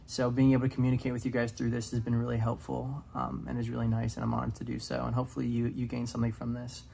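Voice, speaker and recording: A man's voice: medium pitch, monotone, quick pace, vocal fry, mellow, a little hiss or hum. A young man in his twenties giving an earnest devotional talk, casual and full of fillers. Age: 20s. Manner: earnest, many "um"s, reads scripture aloud. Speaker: student devotional speaker.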